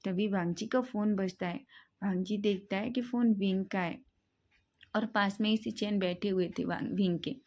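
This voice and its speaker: A woman retelling a romance fan fiction story in a casual, animated way. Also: medium pitch, moderate pace.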